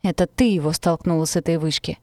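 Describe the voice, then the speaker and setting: A woman's voice: low-pitched, little pitch movement, fast, a little mellow, no echo, lightly acted. A woman reading a cruel taunting teenage boy. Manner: taunting, venomous.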